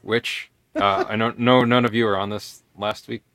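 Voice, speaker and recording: A man with a very low voice hosts a casual podcast recap, hesitating and wandering off on tangents. The sound is dry and close. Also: fairly even intonation, moderate pace, a bit bright, no echo. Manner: rambling, tangent-prone, hesitant. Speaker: podcast host.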